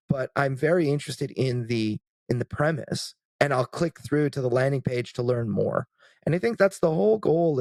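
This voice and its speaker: A man's voice: mid-range voice, gravelly, darkish tone, no echo, studio quality. A man co-hosting a podcast, chatting casually and thinking aloud with plenty of fillers. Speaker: podcast co-host.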